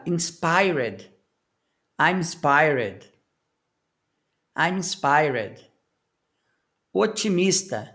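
A man teaching English to Portuguese speakers, modeling short phrases slowly and repeating each one twice. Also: on the high side, a bit bright. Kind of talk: language lesson with repetition drills.

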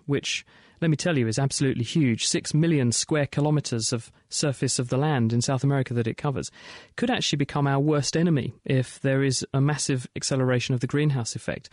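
A British man hosting a science radio show, presenting scripted material in a bright, curious, explanatory way. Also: mid-range voice, no echo, clean studio sound.

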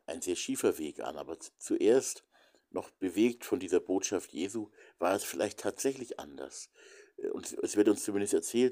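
Deep, mellow man musing hesitantly. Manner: halting and thoughtful, many fillers, drops to a whisper at times. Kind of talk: reflective spiritual talk.

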